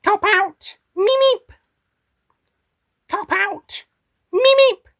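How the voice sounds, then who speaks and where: A woman voicing a small, cutesy, scheming alien creature in a squeaky, theatrical, wheedling voice for a fan parody. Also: drawn-out words, a bit bright, dry recording, studio quality, exaggerated voice. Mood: petulant. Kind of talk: fan parody character voice recording.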